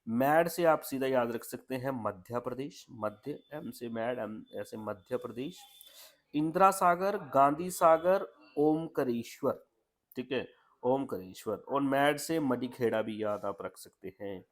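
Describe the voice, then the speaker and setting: A man's voice: medium pitch, measured pace. A man teaching an exam lesson in a chatty, repetitive way, mixing English words into Hindi. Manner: chatty, repeats "ठीक है" often.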